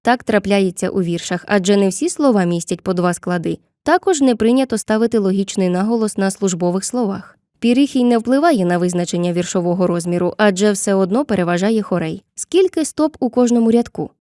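A woman narrating a scripted literature lesson with clear, measured explanations, slowing down to read poem lines. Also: mid-range voice, warm tone, no room sound, studio quality. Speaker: teacher.

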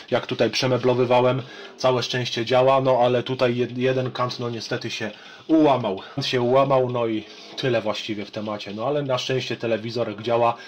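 A man's voice: medium pitch, a little hiss or hum. A Polish man in his thirties, a vlogger giving casual, colloquial, rambling commentary in a small room at home. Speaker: retro gaming vlogger. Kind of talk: casual chat and gameplay commentary.

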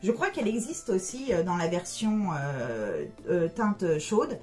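A woman's voice: lowish voice, very animated, measured pace, darkish tone, faint music behind. A middle-aged woman chatting casually through a makeup review as a beauty vlogger, with many hesitant fillers.

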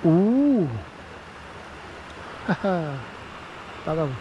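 This man's high, sing-song voice draws out its words as he vlogs from a rocky riverbank, day and night, chatting and exclaiming to himself while fishing and eating. The head-mounted action camera audio sounds dull, with background noise, and the narration is casual.

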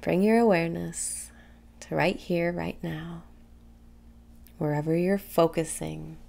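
Slow, gravelly-edged woman guiding meditation softly. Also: sits low. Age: young adult. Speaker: meditation guide. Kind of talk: guided meditation. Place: small room indoors.

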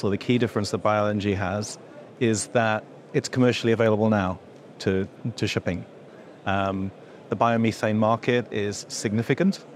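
A man's voice: lowish voice, a little hiss or hum. A middle-aged man, an industry association executive, answering interview questions, with many fillers and restarts as he explains. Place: indoor event room before a logo backdrop.

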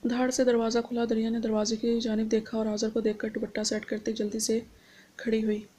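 A woman narrating a romance novel aloud in steady storytelling. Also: a little high, brisk.

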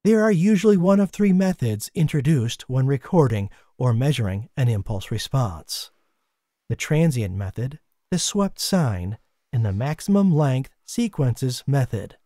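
A man giving scripted documentary narration in a measured, explanatory way, recorded as a voice-over. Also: mid-range voice, animated, warm tone, dry recording, studio quality.

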